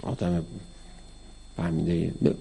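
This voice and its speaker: Cleric-lecturer, male, raspy and gravelly, animated sermon style that acts out dialogue, recorded in a big echoing hall. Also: sits low. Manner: lively, acts out quoted dialogue in a raised voice. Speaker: cleric teaching mysticism. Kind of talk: religious lecture to an audience. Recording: long hall reverb.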